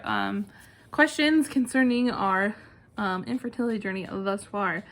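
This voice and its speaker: A young adult woman with a mid-range, fairly bright voice chats informally with her channel, joking at her own expense as she answers questions in a single-take vlog. The setting is indoors at home, with a clicking ceiling fan and possibly neighbors talking outside.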